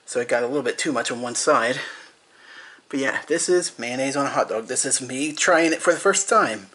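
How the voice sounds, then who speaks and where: A man's voice: mid-range voice, brisk, a bit bright. A young man casually rambling in a food-tasting vlog, repeating himself and talking with his mouth full. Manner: rambling, repetitive, eats and talks with mouth full. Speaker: vlogger.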